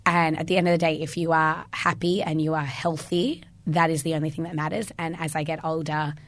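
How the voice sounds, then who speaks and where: A hoarse woman, a fitness instructor, chatting as a guest on a podcast and leaning often on "like". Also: sits low, level tone, fairly quick, no echo. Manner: chatty, leans heavily on "like". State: hoarse from teaching classes. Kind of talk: casual podcast chat.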